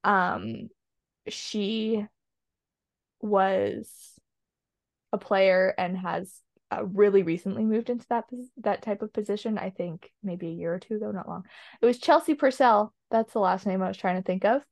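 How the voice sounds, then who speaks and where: A woman's voice: mid-range voice, measured pace, vocal fry, a little mellow, dry recording. A woman chatting casually on a podcast, opinionated and rambling with lots of ums. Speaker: podcast co-host. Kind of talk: casual chat.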